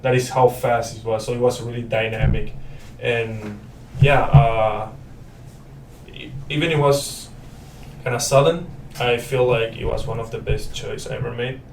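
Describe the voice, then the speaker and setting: A man's voice: medium pitch, steady tone, measured pace, vocal fry, recorded from a distance. Young man, from Paraguay, Spanish native, casual rambling chat, roomy sound, set back from the mic. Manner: friendly, loose and rambling, many fillers and restarts. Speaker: student guest. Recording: roomy, off-mic with faint noise.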